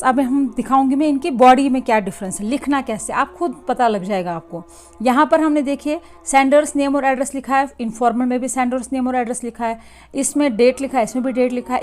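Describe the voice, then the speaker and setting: Hindi-speaking woman teacher, slightly high voice. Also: a little mellow. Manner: mixes Hindi and English, slow deliberate English phrases, frequent "theek hai" checks. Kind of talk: classroom lesson explaining slides.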